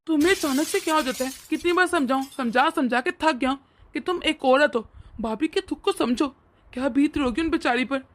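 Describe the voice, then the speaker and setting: A woman's voice: sits high, fairly quick, natural voice. A woman voicing an earnest young husband who patiently reasons and sounds exasperated in a cartoon story. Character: earnest young husband, loyal to his family.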